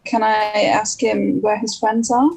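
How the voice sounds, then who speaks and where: A woman's voice: medium pitch, little pitch movement, unhurried, creaky, a little mellow, a little hiss or hum, rough recording. A woman playing a tabletop game and making blunt, scheming suggestions. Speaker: player. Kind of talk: casual tabletop play.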